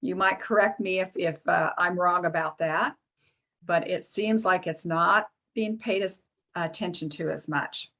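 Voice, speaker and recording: Low-voiced woman presenting casually. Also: a bit bright. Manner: chatty, halting, with many fillers and restarts; reads lists aloud off a screen. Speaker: product presenter.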